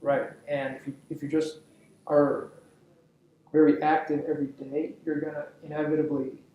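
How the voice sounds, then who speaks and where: A man's voice: a little high, flat delivery, normal speed, mellow, roomy sound, far from the mic, muffled recording. A man chatting casually on a podcast, giving blunt advice and repeating phrases as he builds a point.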